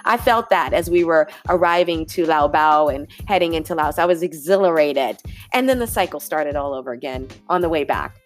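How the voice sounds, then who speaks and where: A woman's voice: deep voice, animated, fairly quick, faint music behind. A woman hosting a podcast, talking reflectively and conversationally to listeners, often checking in with "right?" and "y'all.". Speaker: podcast host and yoga teacher. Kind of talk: reflective solo podcast talk.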